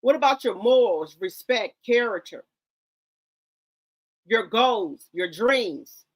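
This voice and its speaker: Her fairly high voice is expressive and slow-paced. She is a middle-aged woman hosting casual commentary, lecturing bluntly and mixing in slang as she goes.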